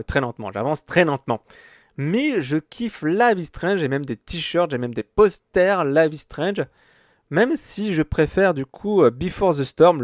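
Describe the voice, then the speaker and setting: A man's voice: fairly high pitch, no room sound, studio quality. Hesitant man hosting a podcast. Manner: hesitant, many fillers and restarts. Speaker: podcast host. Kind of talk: casual chat.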